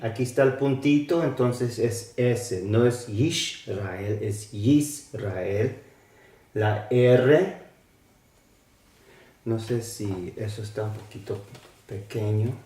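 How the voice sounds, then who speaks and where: A man teaching a slow lesson on old alphabets, spelling out letters and sounds with hesitations. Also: mid-range voice, darkish tone, reverberant, recorded from a distance.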